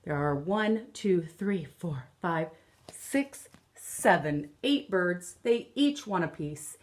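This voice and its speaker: An elementary teacher in her thirties reads a picture book aloud to children at home, explaining it deliberately and stressing key words. Her voice is fairly low in pitch and animated.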